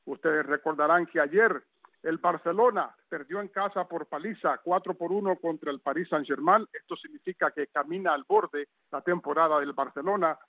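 Man, sports news roundup, chatty, slightly high voice, dry, tinny phone sound. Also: moderate pace, no room sound. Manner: conversational, chatty asides. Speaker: sports reporter.

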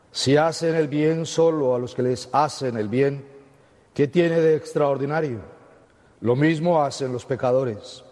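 A man, a priest reading the Gospel and preaching at Mass. He speaks in a slow, measured liturgical cadence, and his voice rings with a long cathedral echo. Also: medium pitch, darkish tone. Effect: cathedral echo, long church reverb. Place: large church.

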